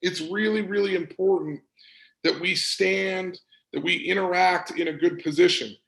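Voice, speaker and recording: Gravelly-voiced man giving a motivational talk. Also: high voice, moderate pace, echoey room, low-quality recording. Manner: energetic, emphatic, repeats words for stress. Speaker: performance coach and speaker. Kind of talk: motivational presentation.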